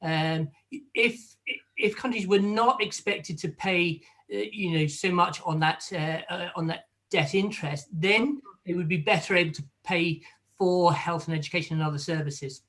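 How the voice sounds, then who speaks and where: A man giving a comment in an online panel discussion, halting and full of fillers and repeated words. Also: high-pitched, a bit bright. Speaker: panel guest.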